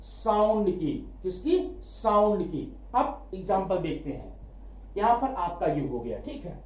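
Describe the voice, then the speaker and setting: A man teaching a grammar lesson, asking quick rhetorical questions, answering them himself and repeating key words for emphasis. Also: high voice, sing-song. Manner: addresses students familiarly as brother. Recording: echoey room, dull lo-fi sound.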